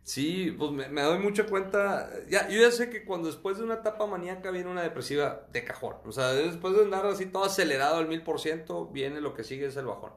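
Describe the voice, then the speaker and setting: A man, a guest talking candidly in an interview, speaking quickly and restarting words often. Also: fairly high pitch, animated, roomy sound. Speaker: guest sharing his own experience.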